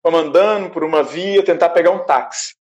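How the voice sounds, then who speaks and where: A Brazilian man casually recounting a stressful arrival on a trip, animated and acting out the people he met, laughing now and then. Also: a little high, a little fast, dull audio. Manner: animated, acts out quoted voices, laughs often. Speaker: traveler recounting his trip. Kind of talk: casual storytelling. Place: a small shared house, indoors.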